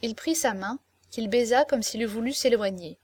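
A woman reading a classic novel aloud as narrator, in a measured, expressive literary style. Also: fairly high pitch, breathy edge. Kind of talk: scripted audiobook narration.

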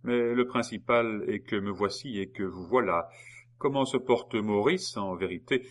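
An audiobook narrator with a natural, lowish voice speaks without hurry as he gives voice to a scornful husband. That character taunts his wife in a cold, falsely polite, sneering way.

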